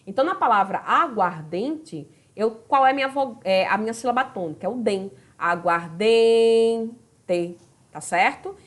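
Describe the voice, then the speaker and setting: A woman with a Brazilian Portuguese accent teaching a video grammar lesson. Her fairly high voice swoops up and down with a lot of life, and she keeps talking straight to her students and checking that they follow. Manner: chatty, addresses students directly with tag questions.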